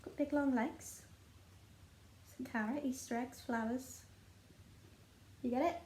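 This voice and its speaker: A young woman with a Liverpool accent talks in a quick, teasing, chatty way. Her voice sits a little high. The echoey home room carries a faint background hum. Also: fairly even intonation, dark tone. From Liverpool, England. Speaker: flosstube co-host. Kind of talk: casual chat.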